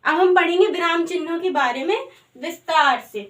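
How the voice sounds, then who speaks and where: A woman's voice: extremely high pitch, moderate pace, fairly bright tone. A woman teaching a grammar lesson in a patient way, asking the class questions and answering them herself.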